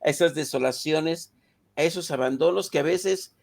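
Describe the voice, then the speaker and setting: A man's voice: fairly high pitch, normal speed, creaky, a little mellow. A man hosting a remote interview, reflective and hesitant, with frequent fillers. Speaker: host.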